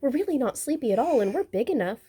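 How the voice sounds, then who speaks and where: A woman voicing teasing, boastful young boy owl twins in a storybook, bratty and excited. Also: high-pitched, fast talker, slight background noise, voice pushed up.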